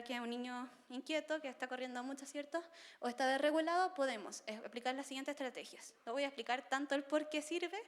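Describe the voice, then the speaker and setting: A woman's voice: high-pitched, big-room sound. A woman giving a conversational seminar talk to parents, often checking in with her listeners. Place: seminar room.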